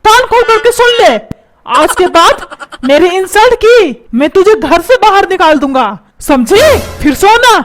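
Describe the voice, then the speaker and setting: A woman's voice: extremely high pitch, lively intonation, unhurried, a little hiss or hum. A woman voicing a grumpy, put-upon old husband and father who scolds and complains. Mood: scolding. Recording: music playing behind.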